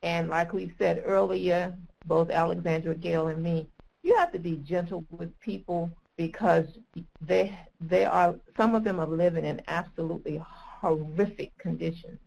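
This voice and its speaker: A woman family law attorney speaking in a training webinar, measured and hesitant, with many ums. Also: on the low side, fairly even intonation, creaky, a little mellow, low-quality recording.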